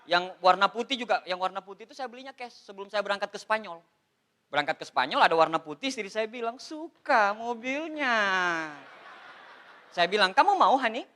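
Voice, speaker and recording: A man from Indonesia in his thirties giving an animated, joking motivational seminar talk, addressing the audience as Pak. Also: sits high, fast talker. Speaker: motivational speaker on MLM.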